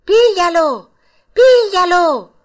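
A woman's voice: fairly high pitch, lively intonation, a little slow, bright, forceful tone, voice pushed up. A woman voicing a fretful old male woodcarver who scolds in a raised, exclaiming voice. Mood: shouting.

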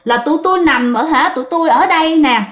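A woman's voice: high voice, fast, a bit bright, echoey room, voice pushed up. A woman voicing angry restless ghosts that speak through a possessed man, scolding and complaining. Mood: aggrieved complaining.

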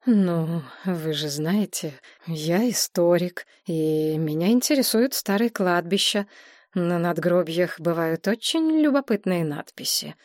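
A woman voicing a shaken, hoarse male historian who talks slowly and apologetically in an audiobook. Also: lowish voice, lively intonation, darkish tone, no echo, clean studio sound. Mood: flustered. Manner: slow, apologetic, babbling.

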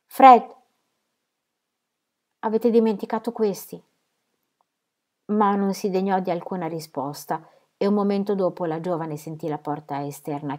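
A woman reading a novel aloud in a measured, expressive audiobook style. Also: on the low side. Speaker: reader.

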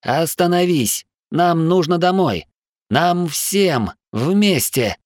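A man voicing Lars, a Dutch man who pleads with and calmly reasons with a friend. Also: mid-range voice, normal speed, no room sound, pitched above the performer's own voice, lightly acted. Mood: pleading.

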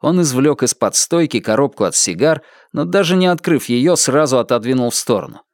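A man reading a novel aloud as an audiobook narrator, in a dramatic, expressive manner. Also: medium pitch, brisk, dry recording, clean studio sound. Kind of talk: scripted narration.

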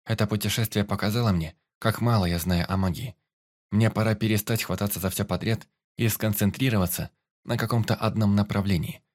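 Guy reading as a young mage girl, fast and determined, barely voiced up. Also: lowish voice, steady tone, darkish tone, natural voice.

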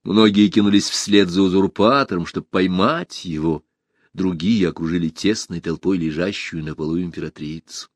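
A man narrating a fantasy story for an audiobook in an expressive storytelling manner. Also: deep voice, normal speed, dry recording. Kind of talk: audiobook narration of a fairy tale.

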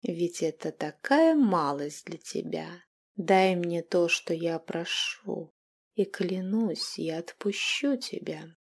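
A scheming old vampire queen witch, as a woman puts her on in an audiobook. She mocks, taunts and hisses, and her voice climbs higher and louder than the narration. She also drops into slow, breathy wheedling. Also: animated. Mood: coaxing. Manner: mocking, taunting, hissing. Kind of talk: audiobook character voice.

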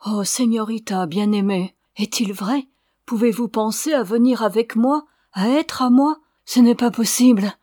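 A woman's voice: medium pitch, fairly even intonation, moderate pace, a little mellow, dry recording, studio quality, natural voice. A woman reading the lines of an earnest, sorrowful young Indian man in an audiobook. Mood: pleading.

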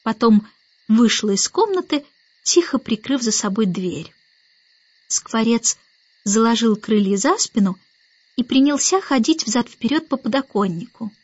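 Lady reading a kids audiobook, kinda high voice, dry and a bit muffled. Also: animated, measured pace, a little mellow, breathy edge, dry recording. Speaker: audiobook narrator. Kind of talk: scripted narration.

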